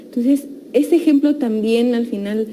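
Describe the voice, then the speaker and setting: Chatty woman co-host, mellow tone. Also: on the high side, a little slow, slight background noise. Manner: conversational, with hesitations and frequent affirmations. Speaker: radio show co-host. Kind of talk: radio talk show interview.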